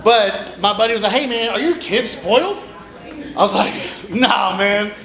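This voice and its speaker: This man in his thirties has a high, somewhat bright voice with vocal fry and a moderate pace. Doing casual stand-up, he rambles, mocks himself and acts out bits of dialogue over a stage mic and PA in an echoey small venue full of chattering people.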